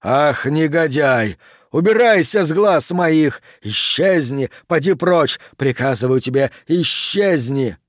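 A man voicing a dreamy, lovesick stranger from a dead city in an audiobook, with slow, drawn-out, theatrical phrasing. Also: a little high, no room sound, clean studio sound, pitched above the performer's own voice, lightly acted. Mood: indignant. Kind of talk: audiobook character voice.

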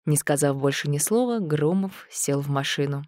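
A woman narrating an audiobook thriller in a steady, tense storytelling manner. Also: low voice, moderate pace, no room sound, clean studio sound.

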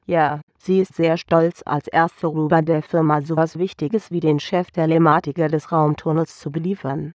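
A man's voice: on the high side, flat delivery, normal speed, hardly any pauses, darkish tone, dry recording, highs cut off. A man narrating a whimsical science-fiction audiobook in a playful storytelling manner. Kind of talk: scripted sci-fi story narration.

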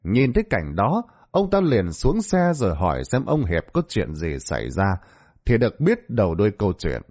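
A man narrating a dramatic scripted story in an expressive storytelling voice. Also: fairly low pitch, normal speed. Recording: dull lo-fi audio.

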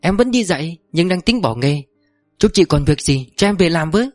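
A woman's voice: fairly quick, darkish tone, no room sound, studio quality, soft background music, close to an everyday voice. A man voicing a jealous, hot-tempered young wife who snaps shrilly and then turns fawning. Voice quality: shrill when angry, fawning when scared.

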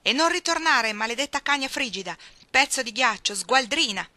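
A woman reading an audiobook, voicing an enraged abusive husband who shouts insults. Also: sits high, animated, normal speed, no room sound, voice pushed up. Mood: furious.

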